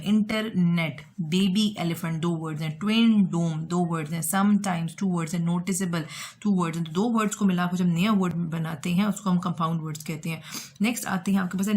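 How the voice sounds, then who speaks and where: Woman teacher patiently explaining exercises. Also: medium pitch. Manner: explains patiently with examples, switches between Hindi and English, repeats "ठीक है". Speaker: English teacher.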